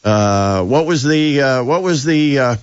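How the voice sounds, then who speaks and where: A man's voice: medium pitch, expressive, a little slow, clean tone, highs cut off. A man hosting a sports radio show, talking casually with sarcasm and plenty of fillers. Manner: sarcastic, chatty, lots of fillers.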